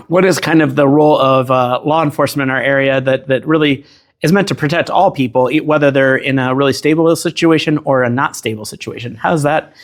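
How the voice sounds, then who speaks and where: A man hosting a casual interview, asking rambling, conversational questions and often chiming in to agree. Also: mid-range voice. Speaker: interview host.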